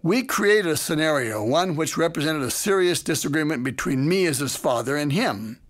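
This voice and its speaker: Measured man narrating a parenting lesson. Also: a little high, expressive. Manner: measured, deliberate storytelling. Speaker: parenting educator. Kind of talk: scripted narration of a lecture anecdote.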